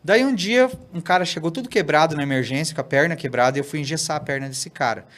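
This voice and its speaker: A man, a pastor guesting on a podcast, telling a story in an animated way and often tagging "né?" and "cara". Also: fairly high pitch, fast talker. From Brazil. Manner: animated, tags sentences with "né?" and "cara". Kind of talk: casual storytelling in a podcast interview.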